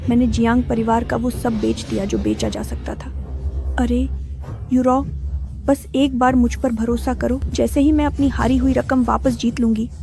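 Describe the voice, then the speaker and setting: A woman's voice: fairly high pitch, lively intonation, moderate pace, dark tone. An actress voicing a selfish, greedy old grandmother who gambles, in a Hindi drama dub, whining and self-pitying. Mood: wheedling.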